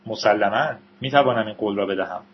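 Storybook figure: male reader doing a teenage computer geek, wry asides, husky, dull lo-fi sound. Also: on the low side. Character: teenage boy computer tinkerer, wry and evasive.

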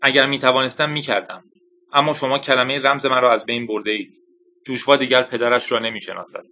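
A weary old male scientist in an audiobook recalls the past calmly and thoughtfully, as a male narrator reads him. The voice is bright and clear. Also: mid-range voice, close to an everyday voice. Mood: resigned. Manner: thoughtful, reflective. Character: weary older male scientist, gentle and resigned.

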